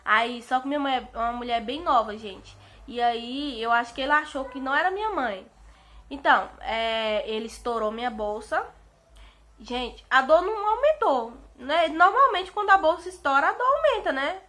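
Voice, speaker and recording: A woman's voice: high-pitched, normal speed. A young Brazilian woman with a Brazilian Portuguese accent, telling a personal story in a chatty vlog and often addressing her viewers. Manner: chatty, keeps saying "gente" to viewers; animated retelling with emotional outbursts. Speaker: vlogger.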